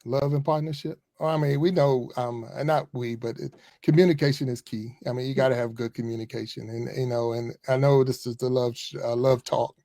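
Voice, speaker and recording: A man in his fifties with a gravelly, low-fry voice speaks as a guest on a podcast, a former pastor in relaxed conversation. He is chatty and easygoing, and the sound is close and dry. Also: a little fast, dry recording. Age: 50s. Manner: relaxed, chatty, frequent chuckles and asides. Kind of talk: casual conversational interview.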